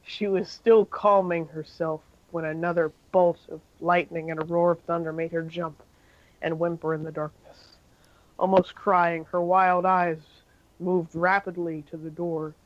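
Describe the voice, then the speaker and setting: A man's voice: fairly high pitch, flat delivery, moderate pace, no echo, muffled recording. A man reading a fan-fiction story aloud in an amateur style, with occasional slips and self-corrections.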